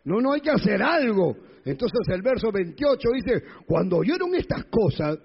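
A man's voice: high-pitched, big pitch swings, normal speed, creaky, slightly rough, in a large hall, highs cut off. A male pastor preaching a sermon, retelling scripture and acting out the crowds, often questioning his congregation.

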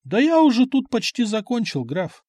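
Brash young warlord, calm and blunt, voiced by a male narrator. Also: very high-pitched, normal speed, no room sound, voice pushed up, exaggerated voice.

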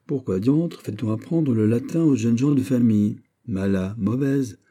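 A man reading an audiobook voices a lively young count of the royal court, bantering and exclamatory. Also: medium pitch, normal speed, pitched above the performer's own voice, natural voice.

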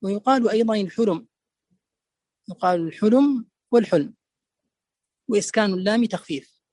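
A man with a high voice lectures on a classical poem. He is deliberate and repeats key words to drive each meaning home. The sound is dry and close, with no room echo. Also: a little mellow. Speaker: teacher explaining a poem.

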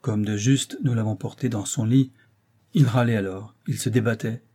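A man's voice: fairly low pitch, steady tone, moderate pace, warm tone, close to an everyday voice. A man voicing an old, distressed servant of a duke, speaking in an agitated, fretful way in an audiobook reading.

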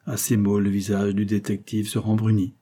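Dark-voiced man reading a novel aloud. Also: lowish voice, moderate pace, husky. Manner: steady literary narration. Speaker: narrator. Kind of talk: audiobook reading.

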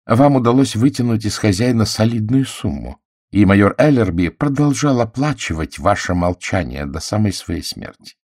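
A man voicing a shrewd, courteous middle-aged detective who questions in a gentle, self-assured way, in an audiobook. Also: lowish voice, expressive, moderate pace, dry recording, studio quality, voice pushed up. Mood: probing. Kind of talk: audiobook character voice.

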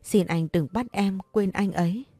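A woman's voice: mid-range voice, moderate pace, warm tone, no echo, close to an everyday voice. A woman voicing a heartbroken young woman who pleads and repeats herself through tears. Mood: pleading. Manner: pleading, desperate. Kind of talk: audiobook character reading.

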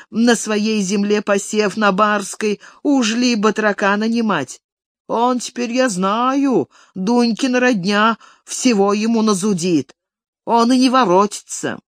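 A reader voicing an old male village elder who grovels and pleads with his master, raising the voice high and thin. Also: no room sound, clean studio sound, close to an everyday voice. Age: older. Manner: wheedling, tearful pleading. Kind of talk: audiobook character reading.

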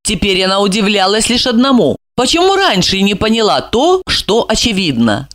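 A woman narrating an audiobook in an expressive storytelling manner. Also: medium pitch, normal speed.

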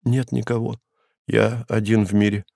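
A man reading an audiobook and voicing a frightened young male prisoner who answers hoarsely and in haste. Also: fairly low pitch, little pitch movement, moderate pace, warm tone, no room sound, studio quality. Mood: anxious. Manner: hasty, eager to please.

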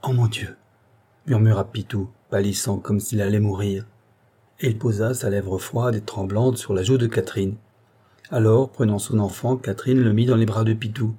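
A man reading a classic novel aloud as an audiobook narrator, steady and expressive. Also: on the low side, normal speed, breathy edge.

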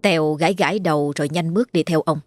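A woman storyteller. Her narration is steady and even, with faint music playing underneath. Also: low voice, fast talker. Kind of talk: scripted ghost story narration.

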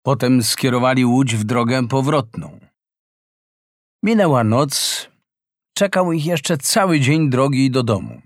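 A man reading a fairy tale aloud as a slow, expressive storyteller in a close, dry recording. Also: medium pitch, dry recording. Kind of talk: scripted fairy-tale narration.

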